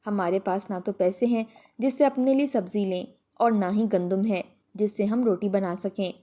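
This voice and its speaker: A woman voicing an outspoken young daughter, indignant and tearful, mellow in tone. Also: medium pitch, lightly acted.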